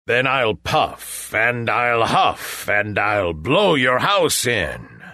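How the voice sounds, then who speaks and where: A man voicing a hungry, scheming wolf in a storybook reading, low and drawn out. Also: sing-song, drawn-out words, sharp tone, no room sound, clean studio sound, exaggerated voice. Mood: menacing.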